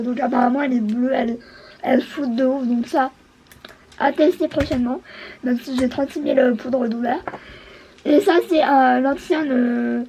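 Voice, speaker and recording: A woman's voice: high-pitched, warm tone, slight background noise, poor audio. A woman beauty vlogger chatting casually, hesitant and full of fillers. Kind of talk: casual chat.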